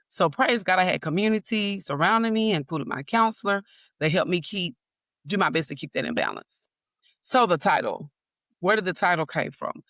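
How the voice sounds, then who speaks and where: A woman's voice: low-pitched, fairly bright tone, dry recording. Brief: woman in her forties, candid storyteller and podcast guest, dry close sound. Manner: candid, laughs through heavy stories. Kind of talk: personal storytelling.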